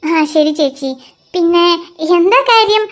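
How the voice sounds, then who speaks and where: A woman's voice: extremely high pitch, expressive, slow pace, very noisy, exaggerated voice. A performer voicing a polite, obliging young mother in a cartoon. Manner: polite, agreeable replies. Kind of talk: cartoon voice acting.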